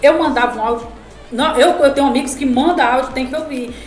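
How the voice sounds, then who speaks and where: A woman in her forties shares her story on a podcast, animated and acting out the conversations. Her voice sits high, and the room is echoey, with soft music behind her. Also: fast talker. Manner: animated storytelling, acts out dialogue. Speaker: lawyer and podcast guest. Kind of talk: casual podcast chat.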